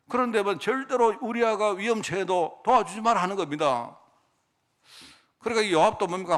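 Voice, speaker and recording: A man preaching a sermon, telling the story with lively acted-out voices and rhetorical questions. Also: sits high. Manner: animated storytelling, acts out characters, rhetorical questions. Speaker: pastor.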